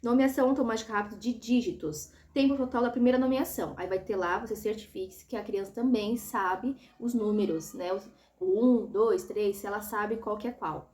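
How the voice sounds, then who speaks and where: A woman's voice: mid-range voice, brisk, a little mellow. A woman explaining an assessment step by step, patiently and often checking that the listener is following. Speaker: educator explaining a child assessment. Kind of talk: instructional tutorial.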